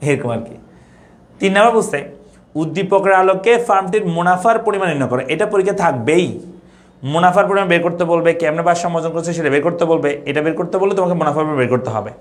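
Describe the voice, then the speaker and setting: A young Bangladeshi man teaches an economics class online, speaking fast in a voice on the high side. He repeats his points and asks the students questions.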